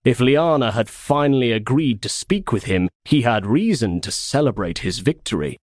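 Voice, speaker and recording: A man reading a first-person novel as an audiobook with expressive storytelling. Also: mid-range voice, moderate pace, dry recording, studio quality. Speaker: audiobook narrator.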